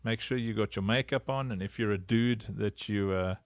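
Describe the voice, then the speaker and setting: A man's voice: lowish voice, moderate pace, dry recording. A man hosting a casual livestream chat over a video call, playful and sing-song, laughing often. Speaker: livestream host.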